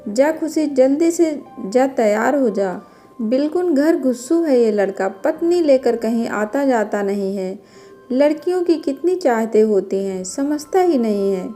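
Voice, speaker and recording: A woman's voice: sits high, lively intonation, unhurried, mellow, faint music behind. A woman voicing a kindly middle-aged mother-in-law who coaxes and dotes on her new daughter-in-law in a storybook tale. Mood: affectionate. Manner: affectionate, coaxing.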